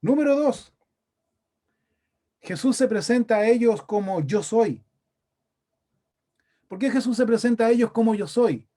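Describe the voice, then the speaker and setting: High-voiced Chilean preacher. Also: male voice, animated, a little slow, long pauses, dark tone. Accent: Chilean Spanish. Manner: conversational, asks the congregation questions. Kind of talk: sermon. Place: church meeting room.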